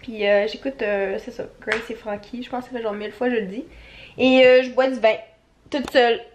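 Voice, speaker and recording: A woman's voice: on the high side, steady tone, brisk, slight background noise. A Québécois woman casually vlogging at home on her couch, chatty, laughing often and cooing at her dog. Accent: Québécois French. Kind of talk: casual home vlog talk.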